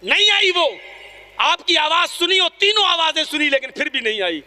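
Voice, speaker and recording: A man preaching an emphatic, dramatic sermon, telling stories and swinging between soft lines and shouted ones. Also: very high-pitched, lively intonation. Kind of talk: impassioned Urdu sermon storytelling. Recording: reverberant hall sound.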